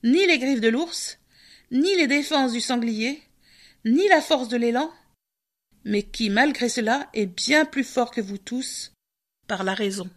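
A woman's voice: a little high, unhurried. A woman voicing an old, wise male raven who lectures the animals solemnly in a storybook reading.

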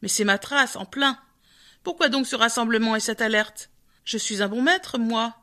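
A woman's voice: on the high side, moderate pace, bright, forceful tone. A woman voicing a heavy, bossy male bear who rules the forest, blunt and boastful in a storybook reading. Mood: gruff.

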